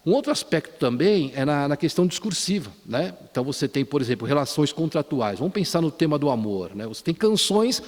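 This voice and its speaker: A man's voice: a little high, big pitch swings, a little fast, hardly any pauses, a little mellow. A man giving an academic lecture at a conference, often ending phrases with a tag question and restarting words. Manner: frequent tag questions and restarts, quotes lyrics. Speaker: conference speaker. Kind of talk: academic lecture on popular song. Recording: reverberant hall.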